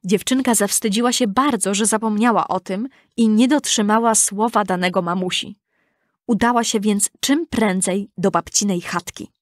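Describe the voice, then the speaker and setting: A woman reading a children's storybook aloud in a calm, even storytelling manner. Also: mid-range voice, moderate pace, no echo, studio quality. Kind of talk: scripted storybook narration.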